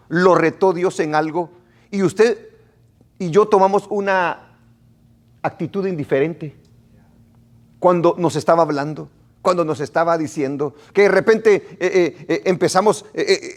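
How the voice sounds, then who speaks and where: A man preaches a sermon in a high, gravelly voice with a lot of fry. He speaks in an animated way to his congregation and often repeats or restarts words as he goes. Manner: animated, acts out what his congregation says. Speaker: pastor.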